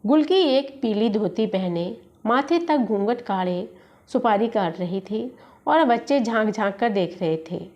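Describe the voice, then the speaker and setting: A woman reading a literary short story aloud in a steady, measured way. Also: on the high side.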